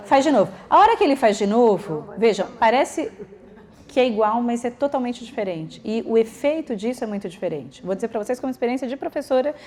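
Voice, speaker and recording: A woman with a brisk, fairly high voice lectures teachers and parents. She speaks in a lively way, acting out what children and adults say.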